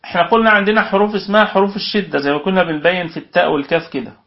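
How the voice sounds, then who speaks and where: A man's voice: sits high, fairly even intonation, racing. A man with an Egyptian accent teaching a Quran recitation lesson, patiently explaining and sounding out letters aloud, then checking with his students. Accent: Egyptian Arabic. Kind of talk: online tajweed lesson. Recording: dull lo-fi audio.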